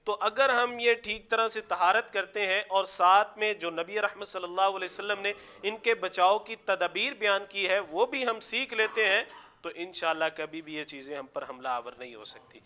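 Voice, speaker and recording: Bright-voiced man teaching recitation. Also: high voice. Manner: chants phrases slowly for the class to repeat, then explains briskly. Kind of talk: classroom lesson with call-and-repeat recitation.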